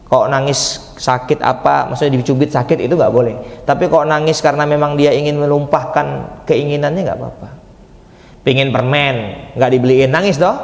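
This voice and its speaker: A man's voice: a little high, creaky, a little mellow. Man preaching in an echoey hall. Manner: conversational, asks the audience questions and answers them. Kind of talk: sermon.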